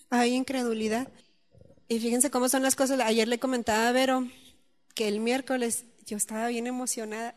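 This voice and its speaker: A woman giving a church talk and prayer, telling stories in an animated way and acting out what people said. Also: a little high, in a large hall. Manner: animated storytelling, acts out quotes. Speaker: church teacher.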